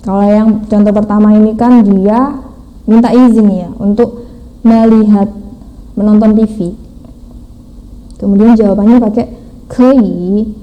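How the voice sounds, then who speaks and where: A woman teaching a language class, explaining slowly step by step and mixing in English phrases. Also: mid-range voice, fairly even intonation, dull audio. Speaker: Mandarin teacher. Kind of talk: online language lesson.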